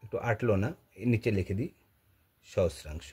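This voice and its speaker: With a Bengali accent, a male math teacher works through a lesson at the board, posing questions and answering them himself and repeating phrases as he writes. His voice is on the low side, a little mellow and husky, at normal speed.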